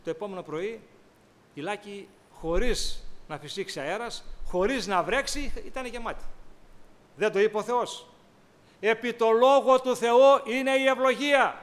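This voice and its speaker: A man preaching a sermon who asks his listeners questions and swings between loud emphatic lines and quiet low asides. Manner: preaching with rhetorical questions to the congregation.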